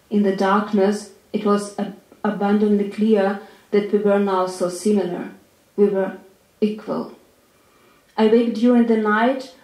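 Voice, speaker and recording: A woman from Ukraine, a writer giving a measured, deliberate reading of her own literary prose. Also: medium pitch, a little mellow. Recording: roomy echo.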